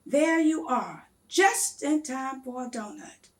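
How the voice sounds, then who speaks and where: A woman's voice: sits high, lively intonation, takes it slowly, exaggerated voice. A woman voicing a friendly, generous male shopkeeper in a storybook, cheery and welcoming.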